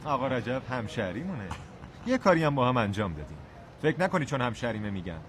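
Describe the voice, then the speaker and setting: A chatty acquaintance vouches for an old friend with a lively, animated pitch. He sounds friendly and talkative. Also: a little hiss or hum.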